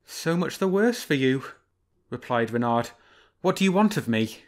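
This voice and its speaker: A man voicing a sly, smooth-talking male fox who sounds falsely humble, ingratiating and cheery. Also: mid-range voice, expressive, normal speed, close to an everyday voice.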